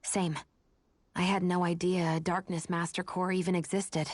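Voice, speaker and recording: A dry recording of a woman playing a brisk young video game heroine. Her pitch is on the low side. She is curt, blunt and matter-of-fact, with little patience. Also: little pitch movement, darkish tone, no room sound, natural voice.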